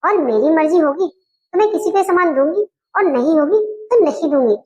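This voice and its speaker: A woman's voice: extremely high pitch, lively intonation, brisk, a little mellow. A woman playing an outspoken young wife who firmly scolds her in-laws, in a comedy skit. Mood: defiant. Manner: firm, indignant, scolding.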